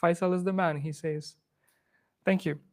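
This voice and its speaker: A man's voice: a little high, steady tone, moderate pace. Man hosting a workshop. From Afghanistan. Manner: loose, chatty, with many fillers and restarts. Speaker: host of live coding workshop. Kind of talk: live workshop talk. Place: room with an in-person audience.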